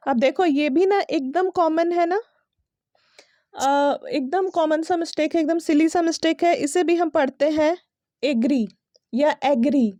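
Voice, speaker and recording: A woman gives a casual pronunciation lesson, her voice high and mellow. She spells words out letter by letter, drawing them out slowly and often checking that her listeners are following. The sound is close and dry, with no room echo. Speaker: English pronunciation teacher.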